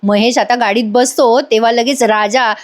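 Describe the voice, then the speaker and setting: High-voiced woman narrating a serial recap. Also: fairly even intonation, normal speed. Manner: chatty, addresses viewers directly. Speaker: serial reviewer. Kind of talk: chatty voice-over episode review.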